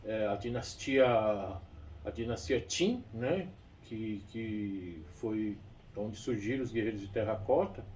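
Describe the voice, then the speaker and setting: A man's voice: fairly low pitch, slow, darkish tone. A man with a Brazilian Portuguese accent explains kung fu as a teacher. He rambles, restarts and keeps checking in with his listener. His voice sits somewhat off the microphone over a faint noise floor. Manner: rambling, frequent tag questions and restarts. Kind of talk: explanatory talk. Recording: distant mic with faint background noise.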